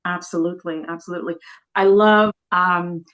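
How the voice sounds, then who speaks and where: A woman's voice: on the low side, fairly even intonation, moderate pace, fairly bright tone. A woman hosting an interview talk show, welcoming and praising her guest with enthusiasm.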